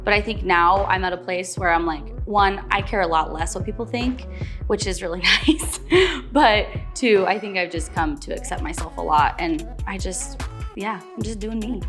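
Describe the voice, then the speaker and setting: A woman's voice: lowish voice, normal speed, music in the background. A woman in her twenties talking in a chatty confessional interview, filling her talk with little asides. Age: 20s. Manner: chatty, filler-heavy, giggly. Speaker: reality show contestant.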